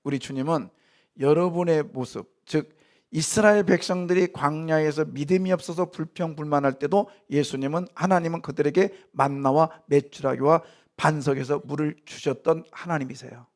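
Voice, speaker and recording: A man preaching a sermon in a church, lively, asking the congregation questions and answering them himself, now and then acting out short lines. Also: a little high, moderate pace. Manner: acts out short quoted lines in sharp voices. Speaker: pastor. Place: church sanctuary.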